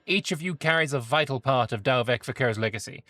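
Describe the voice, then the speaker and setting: A man's voice: mid-range voice, a little fast, pushed and bright, no room sound, lightly acted. A man reading the lines of a stern, commanding male dwarf emperor, giving firm, declamatory orders.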